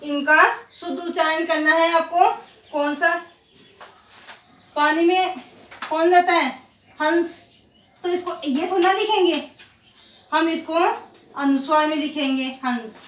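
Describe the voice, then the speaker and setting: A woman teacher with a high voice gives a grammar lesson to young pupils. She speaks slowly, drawing out each example word and putting questions she answers herself. She sounds set back from the mic in a room with a clear echo. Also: a bit bright, distant mic. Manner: slow, drawn-out repetition of example words. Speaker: school teacher. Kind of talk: Hindi grammar lesson for children.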